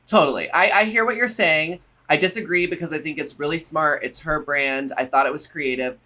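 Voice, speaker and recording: A man's voice: fairly high pitch, fairly quick, pushed and bright. A man co-hosting a review show, chatting casually with opinions in a campy, sassy drag-queen manner. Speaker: reality show review co-host.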